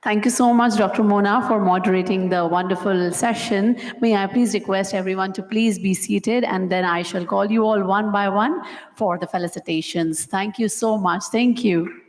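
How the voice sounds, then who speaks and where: A woman's voice: medium pitch, fairly even intonation, moderate pace. A woman hosting a formal award ceremony on stage, polite and effusive, thanking guests and inviting them up one by one. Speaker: event host. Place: large event hall. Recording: hall reverb with music behind.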